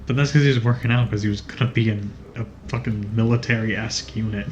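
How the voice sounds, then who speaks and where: A man's voice: on the low side, fairly even intonation, fast talker, highs cut off, slight background noise. Man explaining a game, dry and wry. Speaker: let's play commentator. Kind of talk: casual gaming commentary.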